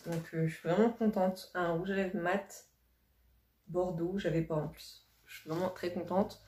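A woman's voice: fairly low pitch, steady tone, normal speed, warm tone. A woman beauty vlogger chatting casually to camera, gushing and repeating words for emphasis. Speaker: beauty vlogger unboxing a box. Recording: roomy echo, faint hiss.

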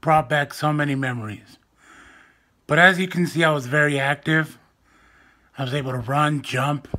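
A young man vlogs casually to the camera from a small room at home, his voice soft, weak and raspy and on the high side. He talks slowly in a self-mocking, joking way, recorded on a phone or webcam held close to his face.

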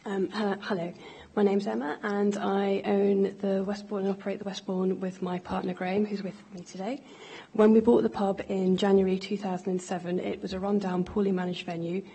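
A woman in her thirties reads a prepared statement at a council meeting. Her voice is mellow and very husky, with little rise and fall in pitch. She speaks formally into a desk microphone. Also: level tone, brisk. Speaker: pub owner addressing a committee. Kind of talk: prepared statement read aloud at a public meeting. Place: council meeting chamber, indoors. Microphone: gooseneck desk microphone.

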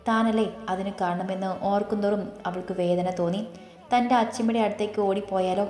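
Woman narrating a romantic audio story. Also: mid-range voice. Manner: steady, storytelling. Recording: roomy, faint background music.

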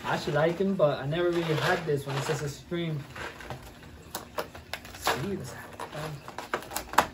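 A young man chatting casually as co-host of a home vlog, excitable and teasing. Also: a little high, measured pace, pauses often. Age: young adult. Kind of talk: casual playful chat. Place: indoor room at a table. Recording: faint room noise.

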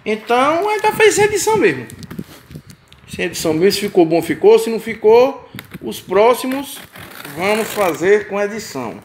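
A Brazilian man with a Brazilian Portuguese accent and a fairly high voice talks through an unedited unboxing vlog, exclaiming loudly and then dropping to low mutters as he works the box open. He is moved almost to tears. The home recording is noisy, with clicks and handling sounds. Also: normal speed. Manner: excitable, chatty, exclaims often, drops to mutters while fiddling with the box. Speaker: YouTube vlogger unboxing a fan's gift. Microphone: handheld phone or camera, shaky.

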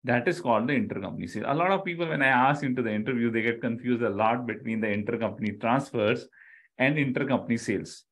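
A fast talker with a slightly rough, somewhat bright voice of average pitch, this middle-aged man with an Indian accent is teaching a live online lecture. He repeats the key points and keeps asking whether people are following along.

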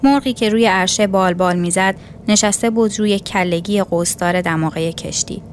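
A woman narrating a literary story in a measured reading voice. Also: mid-range voice, slight background noise.

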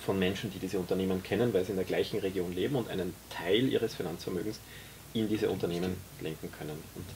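An Austrian author in his forties, appearing as a guest, explains his vision at length in a low, gravelly voice with a steady, darkish tone. His casual, explanatory talk is full of hesitations and fillers. It was picked up in a small tea café by a camera mic a few metres away, with a faint hiss underneath.

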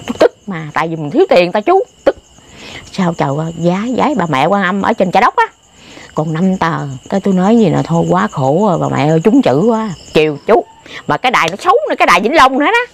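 An older woman with a Southern Vietnamese accent telling stories in a casual, animated and exclamatory way, often repeating herself, recorded outdoors. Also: on the low side, quick pace, gravelly. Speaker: interviewee. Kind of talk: casual storytelling. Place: outdoors by graves at night.

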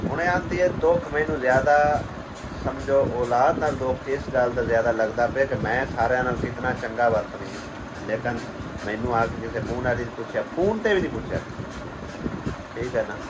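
A man vlogging outdoors, talking to his wife in a lecturing way and asking again and again if she understood. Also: mid-range voice. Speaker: vlogger husband. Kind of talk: casual family vlog talk. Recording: noisy outdoor recording with wind.

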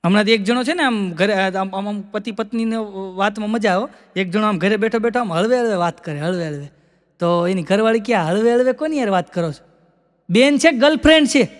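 A man's voice: high voice, brisk. A man with a Gujarati accent telling folksy comic stories as a stand-up act, playing both sides of each joke and often repeating lines for effect. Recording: long hall reverb.

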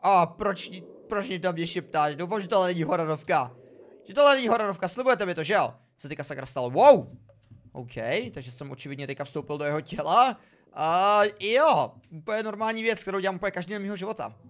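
A man giving excitable, exclamatory let's play commentary while talking to his viewers. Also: high-pitched. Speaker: gaming video creator. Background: faint background music.

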